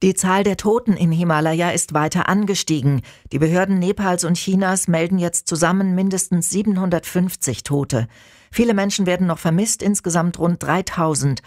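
A woman reading a radio news bulletin in a calm, measured, formal way from a studio. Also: on the low side, no room sound. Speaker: newsreader. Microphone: studio microphone.

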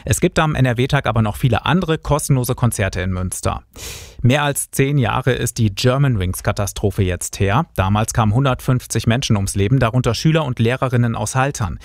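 A man presenting regional radio news from a studio, reading in a steady, even way. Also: mid-range voice, moderate pace, no echo. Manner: steady, even newsreader delivery. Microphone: studio microphone.

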